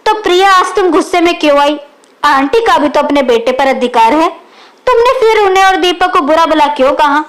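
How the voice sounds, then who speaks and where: A woman reading as a sharp young sister-in-law. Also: very high voice, animated, moderate pace. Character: clever young sister-in-law, mock-scolding.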